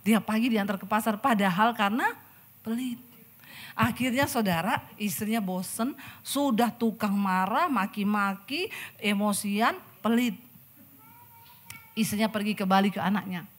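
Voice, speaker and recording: Indonesian lady pastor, husky voice, telling stories in a sermon, super animated, chatty asides to the crowd. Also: mid-range voice, a little slow. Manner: animated, acts out quoted people, chatty asides. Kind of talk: lively storytelling sermon. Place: church service in front of a congregation.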